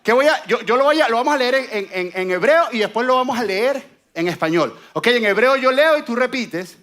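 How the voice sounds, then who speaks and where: A man with a high voice preaches a sermon. He is animated and draws the congregation in with jokes. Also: fairly quick.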